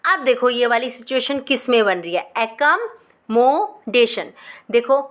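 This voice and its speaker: A woman's voice: a little high, moderate pace. A woman teacher explaining English spellings, sounding words out syllable by syllable. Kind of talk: spelling lesson.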